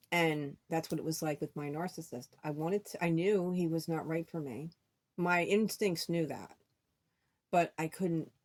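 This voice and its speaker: A middle-aged woman telling a personal story in a rambling vlog monologue, repeating words and acting out what friends said. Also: low-pitched. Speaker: vlogger.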